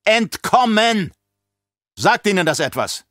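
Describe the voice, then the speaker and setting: A man voicing a scheming, terrified old baron, gasping and pleading in drawn-out words. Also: mid-range voice, fairly bright tone, clean tone, no echo, clean studio sound. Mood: panicked.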